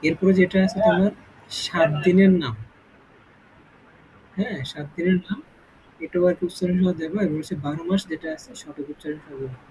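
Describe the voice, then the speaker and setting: Male tutor, high voice, slow and patient, checks understanding often, faint background noise. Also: a little mellow, rough recording. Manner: explains slowly, with many check-ins to the student. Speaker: English teacher. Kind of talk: informal spoken lesson.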